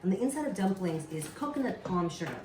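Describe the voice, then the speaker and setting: A woman's voice: medium pitch, very animated, quick pace. A woman from Burma, a mother, casually explaining a family cooking activity at home to her children's classmates. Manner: warm explaining to schoolchildren, chatty with fillers. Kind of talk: casual home video narration. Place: home kitchen. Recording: echoey kitchen, camera far off, noisy.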